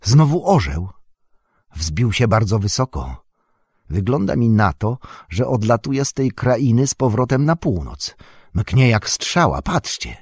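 An alert, keen-eyed elf archer, eager and quick to point things out, voiced by a male audiobook reader. The voice is husky and close in a dry recording, with only a little lift from the reader's own. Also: medium pitch, sing-song, a little mellow, no room sound, heavily acted.

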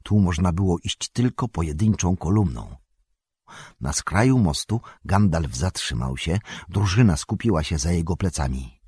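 A man reading a fantasy story aloud as narrator, in a measured, dramatic manner. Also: low voice, lively intonation, warm tone, breathy edge, no room sound, studio quality. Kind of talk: audiobook reading.

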